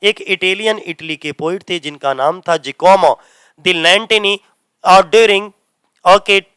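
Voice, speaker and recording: A man teaching English literature for exams in mixed with English, asking his students questions and answering them himself, and reading English lines slowly before explaining them. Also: sits high, pushed and bright, clear, resonant tone, dry recording. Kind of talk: exam-prep lecture in Hindi mixed with English. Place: coaching centre classroom.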